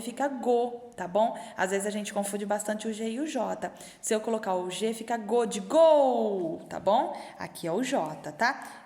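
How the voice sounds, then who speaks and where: A woman teacher with a Brazilian Portuguese accent, giving a recorded lesson to young children and slowly stretching out each syllable as she sounds out words. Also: medium pitch, a little mellow. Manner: slow, sing-song explaining, stretching out syllables. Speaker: primary school teacher. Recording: echoey room with long reverb.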